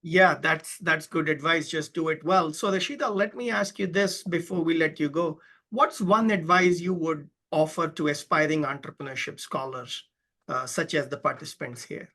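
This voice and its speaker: High-voiced man moderating, brisk. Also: pushed and bright. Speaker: host and moderator. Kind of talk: moderating online Q&A. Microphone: video call.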